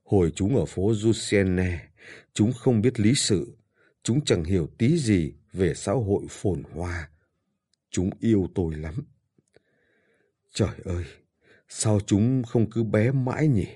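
A man's voice: fairly low pitch, animated, slow, long pauses, mellow, slightly rough, full character voice. A man reading an audiobook and voicing a frail dying old father in pain, who speaks in a weak, pleading way and pines for his daughters. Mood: wistful.

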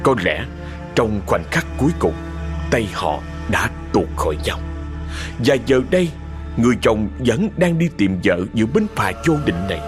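A man narrating a sad ghost story in a slow, dramatic storytelling manner. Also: lowish voice. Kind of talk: scripted horror story narration. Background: music.

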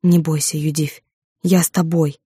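A repentant robber who speaks low and quietly to console, as a woman narrator reads him. Her voice is dark and mellow, with a dry studio closeness. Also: flat delivery, normal speed, breathy edge, no echo. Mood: consoling. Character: repentant male robber, tender toward his beloved.

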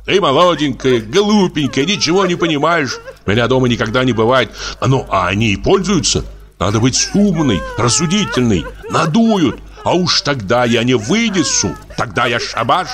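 A man voicing a drunk, jealous husband who shouts, scolds and rants at his wife in an audiobook. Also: mid-range voice, sing-song, moderate pace, voice pushed up. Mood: scolding. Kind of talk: audiobook character voice.

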